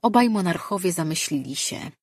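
Husky voice, dry audiobook narration. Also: mid-range voice, no echo. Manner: measured, even storytelling. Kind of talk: scripted fantasy narration.

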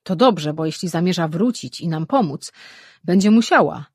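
A woman voicing a confident, decisive male sorcerer in an audiobook, reading in a husky voice. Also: on the low side, expressive, normal speed, darkish tone, no room sound, studio quality. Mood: steady. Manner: firm, decisive.

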